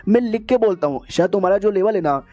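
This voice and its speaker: Brief: chatty male recap narrator, high voice, lo-fi mic. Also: animated, fast, mellow, no room sound, soft background music. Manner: chatty, slangy, laughs at the story. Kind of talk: casual storytelling recap. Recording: dull lo-fi recording.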